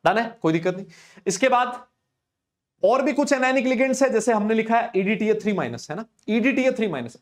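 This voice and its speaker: A man teaching chemistry in a live online lecture, chatty and teasing, answering comments as he goes. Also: sits high. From India. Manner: chatty, teasing, answers live chat comments, coaxes students with filler tags.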